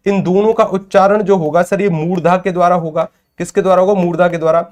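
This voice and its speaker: A man's voice: sits high, darkish tone. A man teaching an exam-prep class, who asks his own questions, answers them, and repeats the key terms. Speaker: Hindi teacher.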